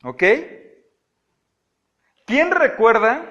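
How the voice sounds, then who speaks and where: A man teaching a Bible study, animated and often checking with his listeners. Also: extremely high pitch, drawn-out words, muffled recording. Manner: animated, asks the audience frequent checking questions. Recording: audio-only recording of a live talk.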